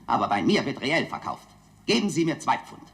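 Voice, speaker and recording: An actor playing a smooth-talking auctioneer in a dubbed film, giving repetitive sales patter and bid calls. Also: male voice, medium pitch, sing-song, a little fast, a bit bright. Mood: salesmanlike patter. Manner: repetitive auctioneer calling of bids. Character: smooth-talking London auctioneer hawking antiques to bidders. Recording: echoey room, old film dub.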